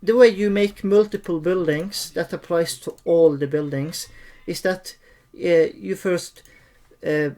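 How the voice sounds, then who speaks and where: Game tutorial host, slow pace, hesitant, repeats phrases, unscripted, keyboard and mouse clicks behind. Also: medium pitch, warm tone.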